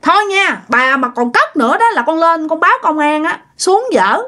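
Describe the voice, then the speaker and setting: An indignant young village wife protesting loudly and pleading for what is hers, as a woman storyteller acts her out. The voice stays high and exclaiming. Part of a spoken ghost story. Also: lively intonation, normal speed. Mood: upset.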